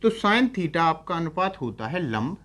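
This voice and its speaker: A man's voice: on the high side, sing-song, a little slow, a bit bright. A male math teacher giving a lecture in Hindi mixed with English terms. He keeps asking short checking questions and repeats each key term. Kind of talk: classroom-style lecture.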